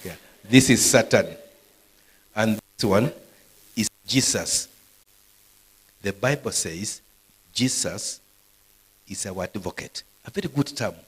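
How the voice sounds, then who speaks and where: A man's voice: on the low side, expressive, slow pace, long pauses, a bit bright, husky, low-quality recording. A man preaching a live sermon to university students, quizzing the audience with questions as he goes. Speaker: pastor. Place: university gathering.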